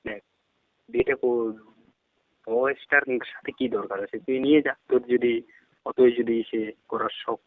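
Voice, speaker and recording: Over a tinny, dry phone line, a man with a Bengali accent confronts someone with short questions he keeps repeating. He claims to be a girl's uncle, and his mid-range voice moves at normal speed, fairly even in intonation, with frequent pauses.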